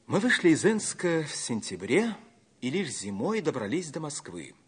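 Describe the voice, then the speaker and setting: Earnest romantic youth, husky old radio drama. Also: male voice, fairly high pitch, moderate pace. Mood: narrating, earnest. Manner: theatrical, declamatory, expressive. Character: Sanya, earnest, romantic young man telling his life story.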